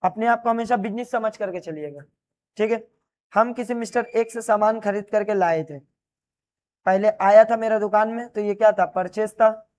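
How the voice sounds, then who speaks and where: A man's voice: sits high, moderate pace, darkish tone. A man gives a classroom lecture on commerce. He turns each key term into a question and answers it at once, and keeps explaining as he writes on a board. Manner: repeats key terms as questions and answers them; explains while writing on a board. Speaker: commerce teacher.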